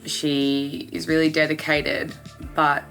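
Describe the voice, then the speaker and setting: A woman's voice: sits low, flat delivery, takes it slowly, creaky, fairly bright tone, soft background music, poor audio. A woman, an actress, being interviewed about her role.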